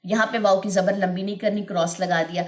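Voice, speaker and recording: A woman teaching tajweed, explaining patiently with repeated points and chanting verses slowly. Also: mid-range voice, fairly even intonation, reverberant. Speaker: Quran recitation teacher. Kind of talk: tajweed lesson with chanted recitation.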